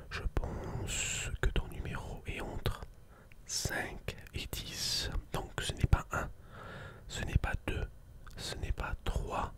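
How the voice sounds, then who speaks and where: An ASMR host whispering intimately right into the listener's ear, giving slow, soothing, gentle instructions.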